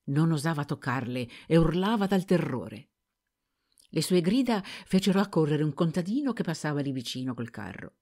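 A woman reads a story aloud as an audiobook narrator, in a low voice that moves lively up and down. Her telling is expressive and carefully scripted. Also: moderate pace.

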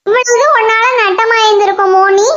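A very high, piping cartoon girl, voiced by a woman who flares up fast and scolds in a rapid-fire run of complaints. The sound is muffled and lo-fi, like a cheaply made animation track. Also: steady tone, fairly bright tone. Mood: angry scolding. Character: hot-tempered young girl, quick to shout. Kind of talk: children's cartoon voice acting.

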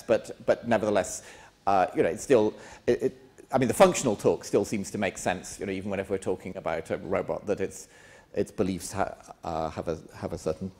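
A man's voice: medium pitch, a little mellow. An older man, a philosophy lecturer, answering a question in a lecture room with many hesitant restarts and fillers. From England. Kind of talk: academic Q&A answer.

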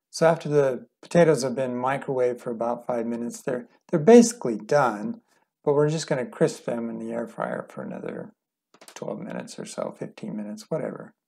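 A middle-aged man with a gravelly, slightly husky voice talks through a recipe step by step. His delivery is relaxed and unhurried, plain-spoken, as he cooks in a home kitchen. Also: medium pitch. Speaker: cooking instructor. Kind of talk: calm step-by-step cooking demonstration.

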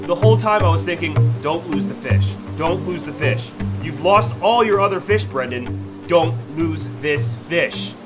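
In a measured pace and a voice on the high side, a young vlogger and angler describes his first salmon catch. The voice-over narration is eager and sincere, with loud music playing behind it.

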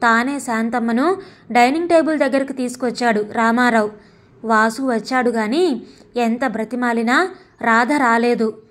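A woman narrating a family drama story in an even storytelling manner. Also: on the high side, normal speed. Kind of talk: story reading.

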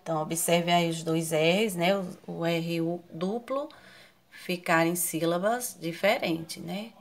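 A woman with a Brazilian Portuguese accent gives an online lesson to children. Her voice sits a little low, and she takes her time. She spells out sounds patiently and keeps asking whether everyone has followed. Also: steady tone. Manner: slow, patient, spells out syllables, asks questions often. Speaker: primary school teacher.

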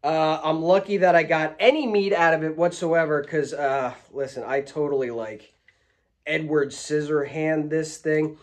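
Upbeat chatty man at a tackle counter. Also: a little high. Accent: New Jersey. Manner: upbeat, chatty, quick asides. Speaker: fishing vlogger. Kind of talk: casual vlog talk to camera. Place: indoor tackle shop counter.

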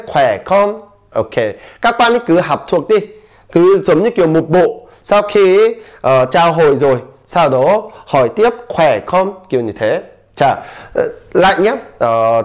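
A man with a Korean accent teaching a casual online language lesson, repeating phrases for learners to copy and using lots of fillers. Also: on the high side.

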